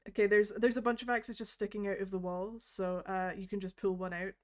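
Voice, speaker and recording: A woman's voice: mid-range voice, flat delivery, fairly quick. Easygoing woman game master. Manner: casual and easygoing, with many fillers. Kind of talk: narrating a tabletop game.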